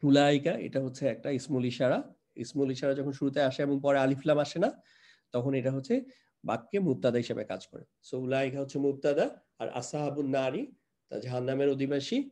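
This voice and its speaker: A man's voice: medium pitch, fairly even intonation, fast, warm tone. A man teaching Quranic Arabic grammar in a live online class. He explains each example patiently, step by step, mixes in English terms, and quizzes his students by repeating their answers back to them.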